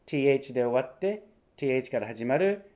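A man's voice: medium pitch, lively intonation, a little mellow. Patient man teaching English pronunciation. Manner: clear, patient, repeats phrases slowly for practice. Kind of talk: language lesson.

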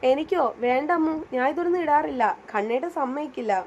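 A woman narrator voicing a timid young college girl who talks softly and hesitantly. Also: high-pitched, fairly quick, lo-fi sound, slight background noise. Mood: reluctant. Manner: soft, hesitant.

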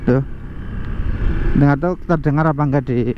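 A motovlogger from Central Java, Indonesia, chats excitedly to viewers while riding his motorbike through quiet residential streets, giving a casual ride-along review of the bike. His voice is mid-range and a little slow. A bike-mounted action camera captures him, so the audio is muffled with light road noise.

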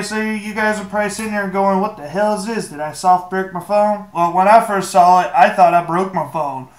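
A man with a fairly high voice walks viewers through a phone fix in a laid-back, joking tone, swearing now and then. His voice bounces around an echoey room. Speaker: tech tutorial maker. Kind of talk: casual screen-recorded walkthrough.

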